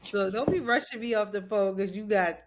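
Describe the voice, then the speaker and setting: A woman's voice: medium pitch, fairly quick, heavy background noise. A woman in her thirties co-hosting a podcast over a call, teasing playfully and acting out quotes from others. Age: 30s. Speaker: podcast co-host. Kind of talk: casual chat. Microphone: remote call.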